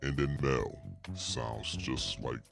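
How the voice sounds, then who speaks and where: An older man talking casually through a voice changer that morphs his voice low and monstrous, rambling and correcting himself as he demos it. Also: slow, vocal fry, over music, heavily acted. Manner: offhand, rambling self-corrections. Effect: voice changer deepening and morphing his voice. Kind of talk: casual product demo.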